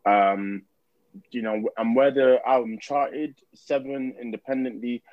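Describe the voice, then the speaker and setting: A man's voice: mid-range voice, steady tone, unhurried, no room sound, highs cut off. A man with a London roadman accent hosting a casual podcast chat in slangy, laid-back talk. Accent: London roadman (urban slang). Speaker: podcast host.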